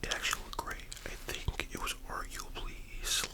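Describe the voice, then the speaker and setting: A host talking in a soft, unvoiced library whisper, in a casual, rambling ASMR style that sounds like thinking aloud. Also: moderate pace. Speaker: host of an anime and manga discussion.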